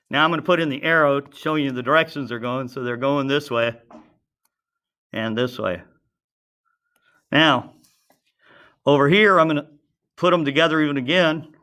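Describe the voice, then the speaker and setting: A mid-range male voice, bright and forceful, holds a moderate pace with frequent pauses. The teacher runs an informal science lesson, drawing as he goes, quizzing the class, and chattily talking to himself while sketching.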